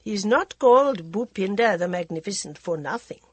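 A woman reading aloud voices a theatrical high-society lady who gushes and calls everyone darling. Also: expressive, normal speed, breathy edge, no room sound. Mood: gushing gossip.

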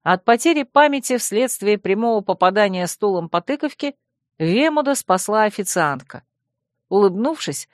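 A woman reading an audiobook as scripted narration, expressive and wry in her asides. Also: mid-range voice, no echo, clean studio sound.

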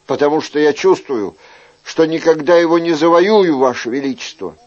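A man's voice: fairly high pitch, moderate pace, darkish tone, muffled recording, pitched above the performer's own voice, close to an everyday voice. A man reading an audiobook, voicing an earnest, lovesick young male courtier in a fervent, pleading manner.

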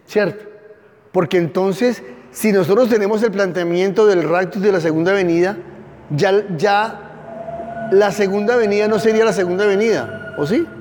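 A man's voice: high-pitched, darkish tone, big-room sound, a little hiss or hum. A male pastor giving an interactive teaching sermon, sarcastic and playful, quizzing listeners by name with questions.

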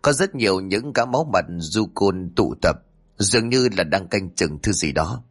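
A man narrates a dramatic story with an expressive delivery. His voice sits fairly low and moves in lively swings. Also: moderate pace.

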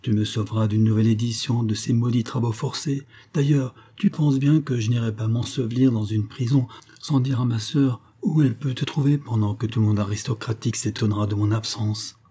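A man's voice: medium pitch, fairly even intonation, a little fast, few pauses, dark tone, breathy edge, natural voice. A man reading aloud and voicing a cheerful, scheming male rogue in a mocking, wheedling manner.

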